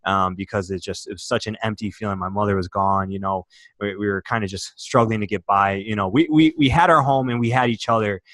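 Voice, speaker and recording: Speaking fairly quickly in a fairly low, fairly even voice with a fairly bright tone, a young man from Michigan shares his personal story as a podcast guest. He's earnest and emotional, full of fillers and restarts, recorded dry with clean studio sound.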